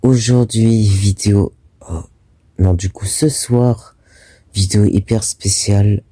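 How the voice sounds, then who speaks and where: A man's voice: lowish voice, steady tone, takes it slowly, mellow, husky, no room sound. A young man chatting casually and slangily to his viewers as a vlogger, recording from bed at night.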